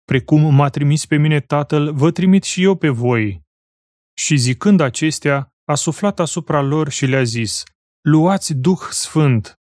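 Male scripture reader, solemn and measured, slightly raised pitch, dry close recording. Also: darkish tone, no echo. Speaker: Bible reader. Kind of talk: scripture reading.

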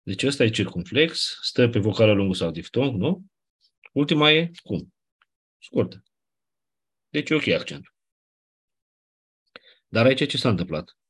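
Man, teacher, classroom lecture, explanatory, husky. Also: mid-range voice, very animated, pauses often, fairly bright tone. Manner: explanatory, checks understanding with "nu?".

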